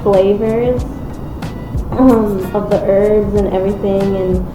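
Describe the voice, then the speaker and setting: A woman's voice: mid-range voice, fairly even intonation, takes it slowly. A woman chatting casually and enthusiastically in slangy everyday language as she comments on her home cooking. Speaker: home cook describing her recipe. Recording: roomy echo, music behind. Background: background music.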